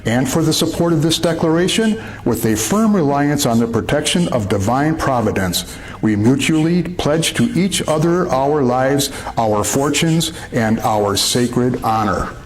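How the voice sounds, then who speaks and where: A man's voice: on the high side, expressive, moderate pace, low-quality recording. A man delivering a formal recitation of a historical document as a horror host.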